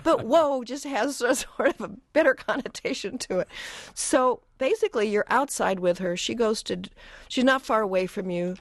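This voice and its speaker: A woman co-hosting a call-in radio pet show, giving lively behavior advice and laughing easily as she acts out scenes. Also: fairly high pitch, moderate pace, no echo, studio quality. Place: radio studio.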